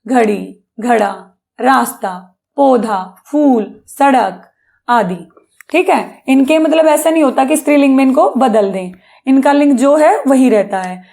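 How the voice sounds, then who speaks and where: A woman's voice: sits high, expressive, a little slow, gravelly, darkish tone. A woman teacher giving a patient grammar lesson to children, often asking questions and answering them herself. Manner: patient, addresses pupils as beta, asks and answers own questions.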